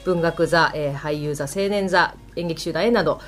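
A stage actress as a radio guest, chatting quickly and playfully about an upcoming project. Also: female voice, low voice. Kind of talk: casual radio announcement.

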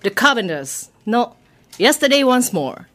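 A woman playing a polite, evasive female AI voice assistant that speaks in even, announcer-like phrases. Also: on the high side, normal speed.

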